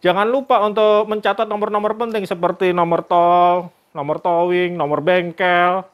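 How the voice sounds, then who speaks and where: Casual male vlogger, chatty storyteller, voice sits a bit high. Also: fairly even intonation, moderate pace, clear, resonant tone, highs cut off. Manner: chatty, addresses viewers as "Kak"; religious greetings and expressions.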